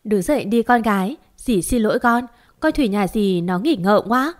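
A woman reading a storybook who voices a middle-aged mother, speaking softly and soothingly. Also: mid-range voice, lively intonation, moderate pace, natural voice. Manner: soft, soothing. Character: gentle, smooth-talking middle-aged mother.

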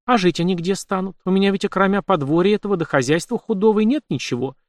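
A man's voice: high voice, fast talker, dry recording, voice pushed up, natural voice. A man voicing an anxious, hardworking middle-aged Cossack mother who speaks cautiously in plain village speech. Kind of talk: audiobook character voice.

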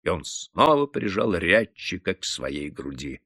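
A man narrating classic prose in an expressive, dramatic reading. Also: low voice, measured pace, slightly rough, no room sound, clean studio sound. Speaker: audiobook narrator.

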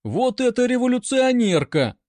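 A man voicing a young cavalry cornet who exclaims with excitement in a raised voice. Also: very high-pitched, normal speed, no room sound, clean studio sound, voice pushed up. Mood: excited.

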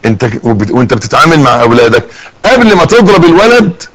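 Lively Egyptian preacher man. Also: mid-range voice, quick pace, rough recording. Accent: Egyptian Arabic. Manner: lively, acts out little scenes with rising and falling voice. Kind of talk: sermon.

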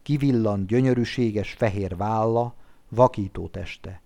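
A man reading a classic literary story as an audiobook narrator, in measured, dramatic narration. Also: lowish voice, gravelly, dark tone.

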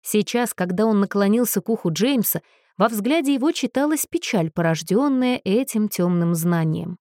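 A woman narrating an audiobook in a steady, expressive way. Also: mid-range voice, moderate pace, no room sound, clean studio sound.

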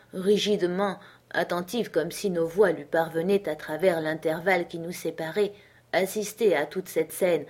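A woman narrating a literary audiobook in a measured, earnest storytelling manner. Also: fairly low pitch, a little mellow. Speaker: audiobook reader.

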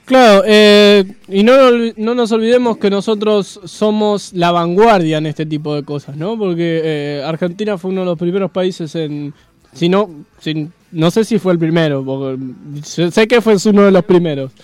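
A man's voice: high voice, moderate pace, smooth, no room sound. A man with a Rioplatense accent co-hosting community radio, talking casually with many hesitations. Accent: Rioplatense Spanish. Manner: hesitant, many fillers and restarts.

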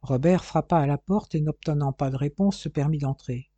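A man narrating a novel as an audiobook in a steady, even storytelling manner. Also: on the high side, normal speed, no echo. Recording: muffled, dry lo-fi recording.

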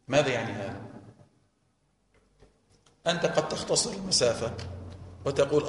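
A man teaching Quran commentary in a mosque lesson, often asking his listeners questions and repeating key phrases. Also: medium pitch. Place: mosque hall. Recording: echoey hall, faint noise.

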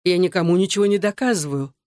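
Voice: medium pitch, fast, a little mellow, no echo, studio quality, close to an everyday voice. A reader doing a defiant young man. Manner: argumentative, raised voice. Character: young man, defiant military academy graduate. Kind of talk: audiobook reading.

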